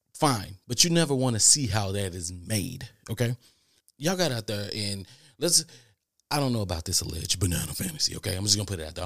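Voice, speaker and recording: A man's voice: on the low side, no echo. Chatty man hosting a podcast, dry sound. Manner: repeats "listen" often, chatty and emphatic. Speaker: podcast host. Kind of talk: casual podcast monologue.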